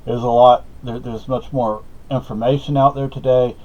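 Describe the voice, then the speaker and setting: A middle-aged vlogger from Spain, native in Spanish, tells a wandering personal tale riddled with fillers and self-corrections. His dark voice holds a medium pitch with fairly even intonation and a moderate pace, and the lo-fi audio is slightly dull.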